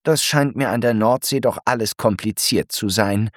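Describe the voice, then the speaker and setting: A man's voice: lowish voice, moderate pace, no echo, studio quality, lightly acted. A man voicing a small, curious and proud female snail in a storybook, full of questions and easily amazed. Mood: puzzled. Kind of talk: storybook character voice.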